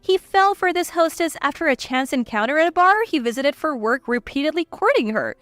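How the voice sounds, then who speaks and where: High lively woman narrating a story. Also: fairly quick, dry recording. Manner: cool, blunt, scornful. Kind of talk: scripted first-person story narration. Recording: dry voice with faint music.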